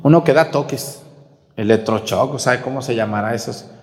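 A man's voice: mid-range voice, normal speed, darkish tone, reverberant, in a large hall. A man with a Mexican accent preaching a sermon during Mass. He scolds the viewers bluntly and asks many rhetorical questions. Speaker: priest.

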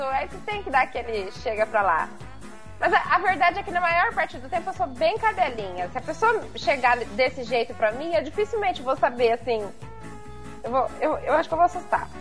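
A high-voiced woman influencer talks as a guest in a relaxed, casual interview. She is self-deprecating and laughs often. Faint music plays softly behind her.

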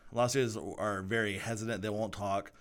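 A man with a lowish voice talks in a relaxed podcast chat about his work with students. He stops and restarts often, circling back to finish his thoughts. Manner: halting, many restarts and fillers. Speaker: student ministry leader. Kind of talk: casual podcast conversation.

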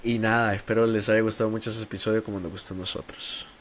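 A man's voice: lowish voice, little pitch movement, quick pace. A man co-hosting a podcast in casual, laid-back chat, slangy and enthusiastic. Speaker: podcast co-host.

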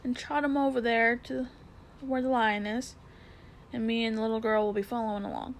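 A woman's voice: on the high side, steady tone, a little fast, slight background noise, close to an everyday voice. A woman voicing a plain-spoken London cabman with a Cockney accent, dropping his h's. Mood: earnest. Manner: h-dropping, earthy and blunt.

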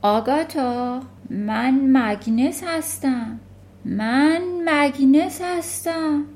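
A woman reading a storybook aloud, voicing the ghost of a dead man who speaks slowly and solemnly. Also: high voice, a little mellow, voice pushed up, natural voice.

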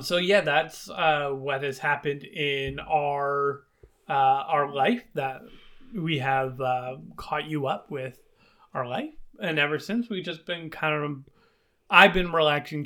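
Lisping man, bright casual chatter. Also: a little high. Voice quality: slight toothless lisp. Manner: rambling, filler-heavy, upbeat. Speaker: podcast co-host. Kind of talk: casual chat.

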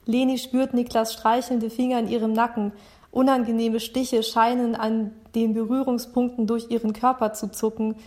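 A woman reading a novel aloud in a steady narrating manner, sometimes repeating a sentence to correct it. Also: a little high, moderate pace.

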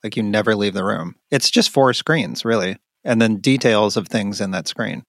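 Excitable man swearing in casual chat. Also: on the low side, normal speed, dry recording, clean studio sound. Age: adult, married. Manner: excitable, swears freely, laughs often. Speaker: podcast co-host.

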